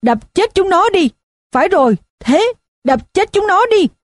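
A woman voicing a drunken man in a mob who keeps shouting for blood in a shrill, frenzied voice. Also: big pitch swings, unhurried, dry recording, studio quality.

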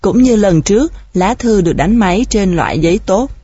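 A woman narrating an audiobook in a steady, measured storytelling manner. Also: mid-range voice, slightly rough, dry recording. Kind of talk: audiobook reading. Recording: dull, dry recording.

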